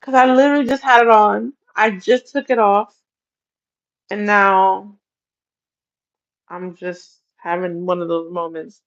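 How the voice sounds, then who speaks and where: A woman's voice: medium pitch, steady tone, measured pace, long pauses, dull audio. A woman chatting casually on a livestream, rambling and often laughing as she talks. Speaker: livestream host.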